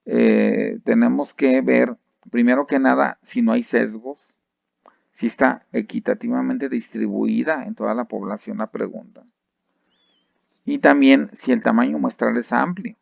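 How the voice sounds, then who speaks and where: A Mexican-accented man lectures on thesis methodology in a strongly gravelly voice. He talks loosely and conversationally, with fillers, restarts and rhetorical check-ins to his students. The recording is dry and dull, with a lo-fi sound. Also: mid-range voice, dry recording. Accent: Mexican Spanish.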